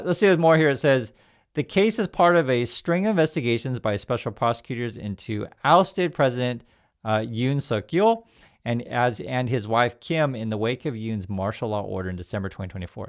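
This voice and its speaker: A gravelly, fairly low-pitched man in his fifties, born in Vietnam and raised in the USA. He gives a loose, chatty news commentary, reading articles aloud and breaking off to comment, with plenty of "uh"s and restarts. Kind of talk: casual news commentary vlog.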